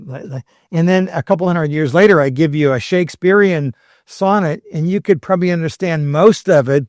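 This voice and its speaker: Guy, a bit high-voiced, historian on a podcast, explains stuff casually w/ dry jokes, very dry sound. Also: a little mellow, no room sound. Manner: explanatory, with wry humorous asides. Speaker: historian guest. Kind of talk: conversational podcast lecture.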